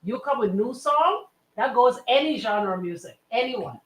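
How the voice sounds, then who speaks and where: In a radio studio, a woman with a Bahamian accent hosts casual, opinionated banter. Her husky voice sits on the high side and is expressive, moving at a moderate pace, and she talks in an emphatic, colloquial way, often tossing out rhetorical questions.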